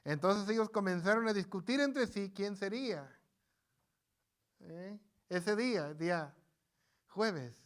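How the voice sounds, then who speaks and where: A man's voice: high voice, expressive, slow pace, long pauses. A man preaching in a church, folksy and conversational, who often repeats himself and banters with his congregation. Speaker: pastor. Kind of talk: informal live sermon. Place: church sanctuary.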